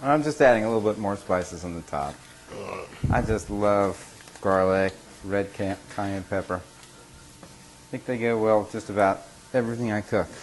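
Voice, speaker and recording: A man's voice: fairly low pitch, normal speed, pauses often. A man giving a casual cooking demonstration as host, plain-spoken and talking as if to a buddy. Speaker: cook hosting a cooking show. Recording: noisy live room sound.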